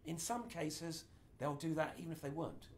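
Giving an informal history lecture in a small room indoors, a middle-aged man gestures broadly as he explains. His voice is a little high and steady in tone, at a moderate pace, with slight background noise.

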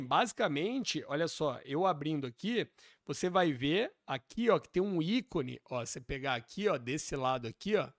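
A man's voice: fairly high pitch, no echo, studio quality. A Brazilian man talking casually about tech, chatty and often tagging "né?". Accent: Brazilian Portuguese. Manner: chatty, keeps adding "né?". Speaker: tech youtuber. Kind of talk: casual tech video commentary.

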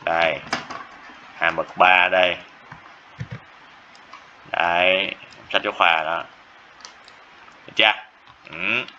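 A man's voice: low-pitched, steady tone, slow pace, long pauses, sharp tone. A man teaching a math lesson, repeating phrases and often checking whether students follow. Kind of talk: classroom lecture. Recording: dull lo-fi classroom recording with faint noise.

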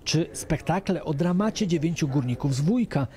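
A man's voice: a little high, expressive, normal speed, darkish tone. A man narrating a scripted television news report as the reporter. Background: music.

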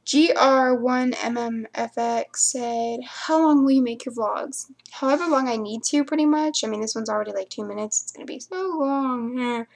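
A woman's voice: fairly high pitch, moderate pace, vocal fry, hardly any pauses. A young woman chatting casually to camera, answering viewer questions and rambling into mumbled asides.

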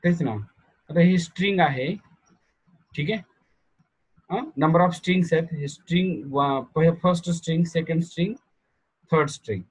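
A male programming teacher with a Marathi accent giving an online class over a video call, quizzing students and dictating notes slowly. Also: on the high side, breathy edge, dry recording, poor audio.

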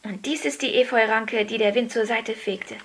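A woman voicing an earnest young girl who speaks in a hushed, breathy way. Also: a little high, fairly even intonation, moderate pace. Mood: eager.

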